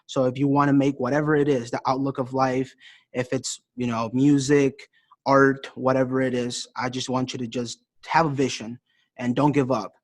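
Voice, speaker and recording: A man's voice: medium pitch, level tone, normal speed, dry recording. A teenage man from Iowa giving an earnest, encouraging talk about goals, with loose restarts. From Iowa, USA. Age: teens. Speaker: youth speaker. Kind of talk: casual motivational talk.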